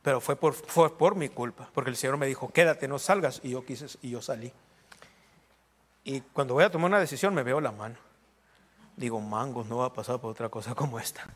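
This pastor speaks briskly in a medium-pitched voice, a middle-aged man keeping his sermon informal with jokes and brief prayer interjections and amens. Soft instrumental music is heard in the background.

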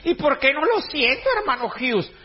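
A man's voice: very high-pitched, sing-song, moderate pace, highs cut off. A man preaching a sermon in a joking, conversational way, full of slang. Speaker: pastor.

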